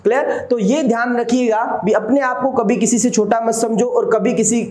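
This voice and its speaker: High-voiced teacher drilling facts. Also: male voice, fairly even intonation, a little mellow. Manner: fast, drilling, asks "clear?" and answers himself. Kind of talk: exam-prep history lesson. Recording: echoey room.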